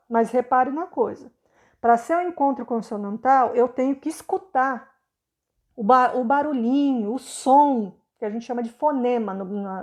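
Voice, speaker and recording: A Brazilian woman teacher explaining a lesson to children patiently, sounding words out slowly and checking understanding often. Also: high voice, darkish tone. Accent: Brazilian Portuguese.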